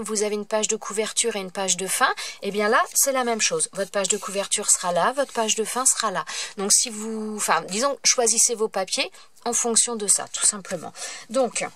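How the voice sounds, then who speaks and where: A woman's voice: mid-range voice, moderate pace, fairly bright tone. A woman hosting a paper craft tutorial, talking casually and hesitantly, with many fillers and self-corrections as she works at her table. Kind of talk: casual step-by-step craft demonstration.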